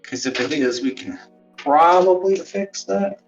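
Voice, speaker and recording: A man's voice: a little high, lively intonation, unhurried, far from the mic, highs cut off. A man chatting casually on a live stream, rambling, swearing and mocking himself, heard through a phone mic with a boxy speakerphone sound, as if inside a box. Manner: rambling, swearing, self-mocking, often muttering under his breath. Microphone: phone used as a wireless webcam mic. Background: faint background music.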